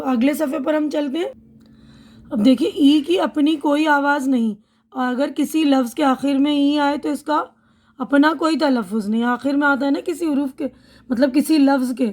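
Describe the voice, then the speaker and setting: A woman's voice: sits high, a little mellow. A woman teaching English pronunciation, patiently saying each word and then its meaning. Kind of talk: slow spoken-language lesson.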